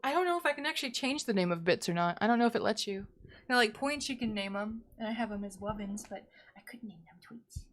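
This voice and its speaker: Over background music, a woman livestreamer chats casually with her viewers, bubbly, exclamatory, and quick to apologize. Her voice sits on the high side, lively in intonation and fast.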